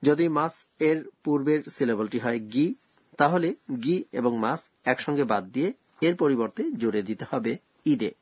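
A man presenting a scripted radio language lesson, explaining grammar rules slowly and carefully. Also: mid-range voice, lively intonation, slightly rough, no echo.

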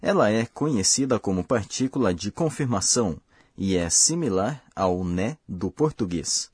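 A man with a husky, low-set voice reads a language lesson in a slow, careful, explanatory way. The sound is dry and close, with no room around it. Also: lively intonation, a little mellow, dry recording. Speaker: language course host. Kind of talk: scripted lesson narration.

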